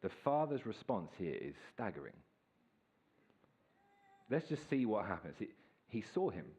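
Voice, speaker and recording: A man, preaching a sermon in a relaxed, storytelling way. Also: lowish voice, measured pace, breathy edge. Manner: casual, self-deprecating, lively storytelling. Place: church hall.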